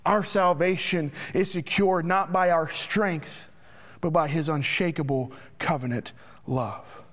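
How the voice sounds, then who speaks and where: A man preaching a sermon as pastor, slow and deliberate, sometimes dropping to a hushed near-whisper. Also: a little high.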